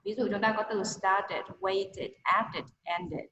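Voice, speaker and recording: A woman's voice: medium pitch, slow, a bit bright, a little hiss or hum. A woman English teacher, explaining pronunciation over a video call and modeling words for students to repeat. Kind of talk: online class teaching. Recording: roomy, long echo, dull lo-fi video call audio.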